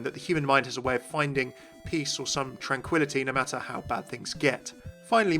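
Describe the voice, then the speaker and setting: A game lore commentator with a medium-pitched, pushed, bright voice hosts a scripted explainer. He addresses viewers directly, full of enthusiasm.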